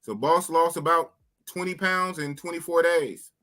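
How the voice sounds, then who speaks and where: This fifty-something podcast host's voice sits a little high and moves at a normal speed. On his live stream he chats casually and animatedly with viewers, talking to the chat and repeating himself.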